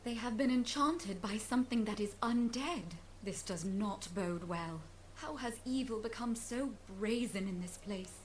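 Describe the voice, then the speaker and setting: A woman's voice: fairly high pitch, unhurried, slight background noise, natural voice, poor audio. A woman voicing a gracious, grave fairy lady guardian who speaks formally and earnestly in a video game. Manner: formal, earnest storybook delivery. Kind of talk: scripted video game dialogue.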